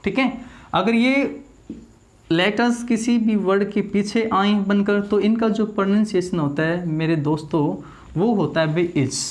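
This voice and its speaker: Hindi-speaking man teaching English pronunciation. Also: sits high. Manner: drills words slowly, repeats them, asks the class to repeat. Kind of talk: classroom video lesson. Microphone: small camera in front of him.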